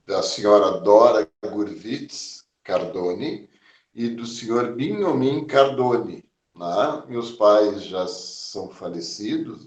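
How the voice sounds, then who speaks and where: A man in his sixties from southern Brazil, a physician calmly recounting his life in an oral history interview, with many small fillers. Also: lowish voice, echoey room, far from the mic, highs cut off. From Porto Alegre, southern Brazil. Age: 60s. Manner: measured, reflective, frequent "né?" and "eh" fillers.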